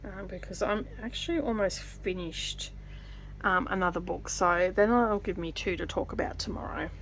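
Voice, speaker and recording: Woman rambling casually while stitching. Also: lowish voice. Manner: rambling, with many fillers and restarts; pauses to count stitches. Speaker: vlogger.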